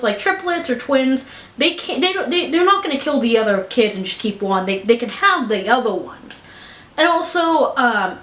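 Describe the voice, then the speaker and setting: Speaking with a fairly high, slightly bright voice, this young vlogger from the United States addresses the camera sincerely in a personal video. She often uses fillers and trips over her words, starting sentences again, in an echoey room.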